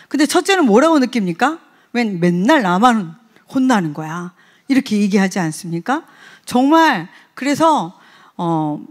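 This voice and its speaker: A woman preaching a sermon in a conversational way, often putting questions to the congregation. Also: fairly high pitch.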